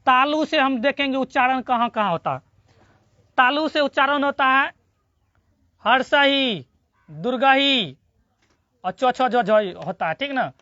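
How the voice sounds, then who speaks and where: A teacher giving a classroom grammar lesson, drilling students with repeated questions and slowly sounding out syllables. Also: sits high, pushed and bright, dry recording. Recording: dull lo-fi recording.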